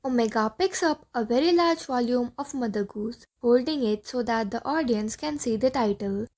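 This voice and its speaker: A woman narrating the stage directions of an audiobook play in a clear, steady reading. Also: on the high side, normal speed.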